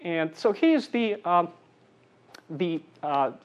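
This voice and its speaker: A man from Siberia, giving an academic engineering lecture in thoughtful, halting phrases with dry humor. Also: sits high, lively intonation, highs cut off. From Siberia, Russia.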